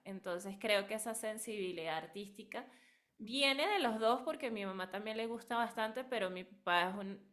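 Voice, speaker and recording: A Venezuelan woman, a singer and vocal coach, answering interview questions thoughtfully with frequent pauses and fillers. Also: medium pitch, a bit bright. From Barquisimeto, Venezuela.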